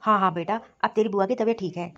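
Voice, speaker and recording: Stern protective old father-in-law for a cartoon, voiced by a woman, fast scolding delivery, dull dry lo-fi sound. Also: mid-range voice, steady tone, fairly bright tone, no echo, lightly acted. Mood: concerned. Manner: scolding, commanding. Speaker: cartoon voice actor. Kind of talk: storybook cartoon dialogue.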